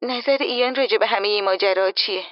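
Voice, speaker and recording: A woman's voice: medium pitch, dry recording, highs cut off, natural voice. A woman voicing a nosy, worried young friend in an audiobook, asking insistent anxious questions. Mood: curious. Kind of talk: audiobook character voice.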